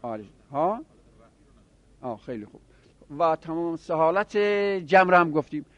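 A man teaching a grammar class, explaining rules step by step and quizzing his students with quick questions. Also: a little high, animated, highs cut off.

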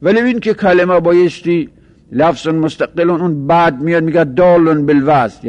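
A man teaching a grammar lesson, explaining slowly and repeating each point, stretching key terms and dropping quiet at the ends of phrases. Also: medium pitch, dry recording, muffled recording. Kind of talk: seminary-style grammar lesson.

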